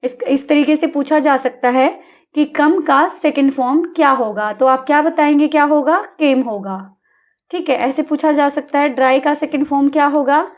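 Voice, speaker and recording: Female teacher, high-pitched, patient and repetitive with young students. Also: normal speed. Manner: patient, repeats and checks understanding with questions. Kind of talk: exam-prep English lesson for children.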